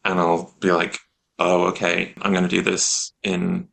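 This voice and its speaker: Gravelly-voiced British man, chatty. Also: low voice, measured pace. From Britain. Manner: chatty, animated, acts out quoted reactions. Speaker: actor guest. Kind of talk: casual interview chat.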